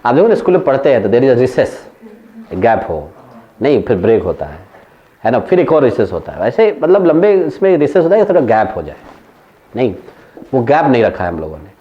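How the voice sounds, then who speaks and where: A man's voice: medium pitch, very animated, a little fast, dull audio. A male economics teacher with an Indian accent, giving a classroom lecture that switches between Hindi and English and tells anecdotes. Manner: storytelling, mixing Hindi and English, laughing at his own anecdotes.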